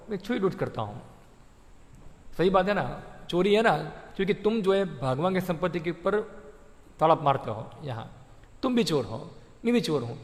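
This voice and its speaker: A man giving a devotional sermon, asking his listeners questions and answering them himself, and acting out little dialogues. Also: fairly high pitch. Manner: acts out the mind's voice in little dialogues. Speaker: preacher. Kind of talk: Hindi devotional sermon on scripture. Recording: long hall reverb.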